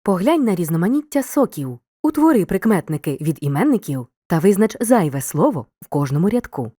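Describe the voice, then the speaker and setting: A woman narrating a scripted video lesson in a mellow, slightly low voice. Her pitch rises and falls widely as she sets out each example clearly and deliberately. The recording is a dry, close studio voice-over. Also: very animated, no echo. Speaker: teacher.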